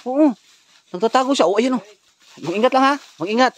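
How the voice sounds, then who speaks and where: A man's voice: very high-pitched, animated, brisk. A man on a ghost-hunting vlog, urgently giving tense commands to his companions outdoors in a forest. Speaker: ghost hunter.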